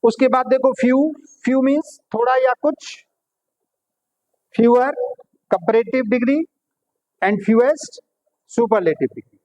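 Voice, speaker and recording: High-voiced man teaching grammar slowly. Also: darkish tone, muffled recording. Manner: explains patiently, quizzing students with "clear?" and "right?"; addresses pupils as "beta". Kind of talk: classroom grammar lesson in Hindi and English.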